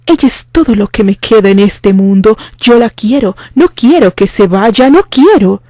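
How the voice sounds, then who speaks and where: A woman's voice: mid-range voice, lively intonation, normal speed, mellow, no room sound, close to an everyday voice. A woman voicing a troubled young man who pleads and defends himself, his voice breaking as he speaks. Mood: desperate.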